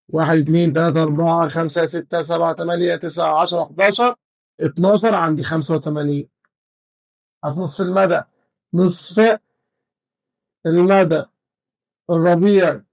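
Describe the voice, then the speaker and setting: A man's voice: on the high side, no echo, poor audio. A man with an Egyptian Arabic accent teaching an exam-prep math lesson, counting values aloud step by step.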